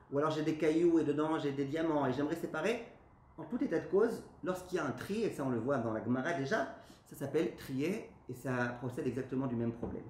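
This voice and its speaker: An animated man teaches a live class as a rabbi, firing questions at his listeners and answering them himself. His voice sits a little high. The room is echoey, with a faint hiss underneath. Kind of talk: lively spoken Torah lesson.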